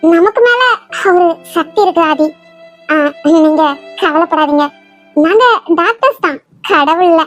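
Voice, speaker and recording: A woman voicing a calm, reassuring doctor in a cartoon drama, speaking in Kanyakumari Tamil. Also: very high-pitched, a little slow, soft background music, voice pushed down, rough recording. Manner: soothing, steady reassurance.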